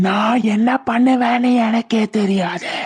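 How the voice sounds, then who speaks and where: A menacing female spirit, as a woman puts her on, drawing out each threat slowly. The pitch sits slightly above the usual for a woman. The tone is low and haunting, like a cartoon ghost. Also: fairly even intonation, darkish tone, breathy edge. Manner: slow, threatening, drawn-out.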